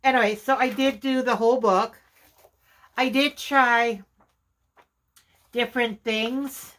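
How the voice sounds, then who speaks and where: A woman vlogger chatting casually while demonstrating her journaling supplies, chatty and quick to laugh at herself. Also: fairly high pitch, fairly even intonation, fairly bright tone. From Canada. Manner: chatty, self-deprecating, exclaims often. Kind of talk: casual craft vlog demonstration.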